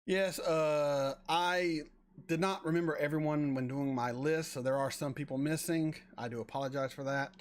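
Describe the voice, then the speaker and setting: A man's voice: fairly high pitch, fairly even intonation. A man in his forties chatting casually on a live stream, answering viewers and often stumbling over repeated words. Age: 40s. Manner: rambling, halting with repeated words. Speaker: reaction channel host reading chat.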